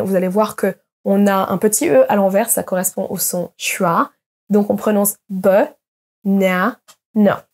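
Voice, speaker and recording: A young woman giving an online pronunciation lesson as an English teacher, explaining patiently and slowly modeling example words. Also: medium pitch, mellow.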